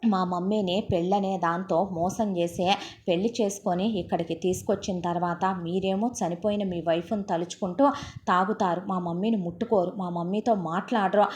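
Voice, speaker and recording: A woman's voice: medium pitch, darkish tone, slight background noise, natural voice. A woman voicing an indignant teenage schoolboy. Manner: indignant, lecturing, rapid reproach. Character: teenage schoolboy angrily confronting his stepfather.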